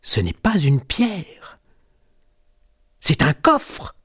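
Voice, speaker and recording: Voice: medium pitch, big pitch swings, moderate pace, pitched above the performer's own voice. A storyteller voicing a bossy little girl kitten who protests indignantly in a storybook. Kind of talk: storybook reading.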